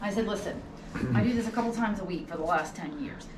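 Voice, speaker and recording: A woman's voice: mid-range voice, quick pace, crowd noise. Woman tour guide telling stories, roomy distant recording. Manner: conversational, acts out quoted dialogue. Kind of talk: casual storytelling on a ghost tour. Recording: roomy, distant mic with noticeable background noise.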